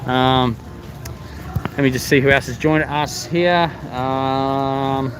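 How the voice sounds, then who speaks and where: A man's voice: mid-range voice, steady tone, slow pace. A man with an Australian accent, his voice muffled by a face mask, chatting casually as host of a live vlog and greeting viewers. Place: outdoors at a theme park. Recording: outdoor ambient noise, vehicle sounds.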